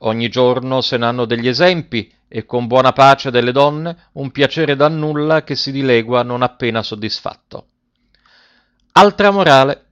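A man reading a fairy tale aloud as narrator, with a measured, expressive delivery. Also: a little high. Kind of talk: storybook reading. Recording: dry, slightly muffled recording.

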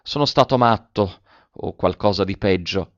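A man's voice: deep voice, measured pace, no echo, highs cut off. A man voicing an anxious young lover in a read-aloud novel, pleading urgently with a trembling voice.

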